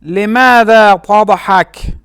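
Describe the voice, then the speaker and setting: A man teaching a language lesson, saying short phrases slowly and carefully and repeating each word. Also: high voice, a bit bright, clean tone, dry recording, studio quality. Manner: slow, careful pronunciation with repeated words.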